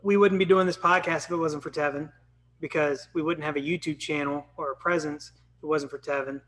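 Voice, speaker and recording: A man's voice: a little high, fairly even intonation, brisk, fairly bright tone. A man in his thirties hosting a casual live podcast, upbeat and chatty with lots of ums. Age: 30s. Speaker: podcast host.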